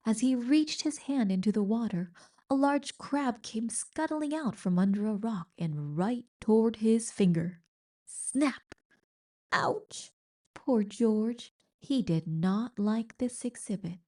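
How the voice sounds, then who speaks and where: Reading aloud from a children's picture book, this storybook reader uses an expressive and deliberate storytelling style in her medium-pitched voice.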